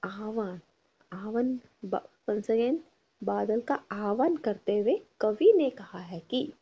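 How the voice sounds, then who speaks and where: A woman's voice: medium pitch, lively intonation, takes it slowly, breathy edge. A woman teaching a Hindi lesson, patiently spelling out words syllable by syllable and having students repeat after her. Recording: dull lo-fi recording.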